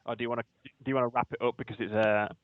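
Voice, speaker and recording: Fast-talking Yorkshire man, matey and informal. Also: medium pitch, steady tone, dry recording. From Yorkshire, England. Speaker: podcast co-host. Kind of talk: casual chat. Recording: dull, lo-fi audio.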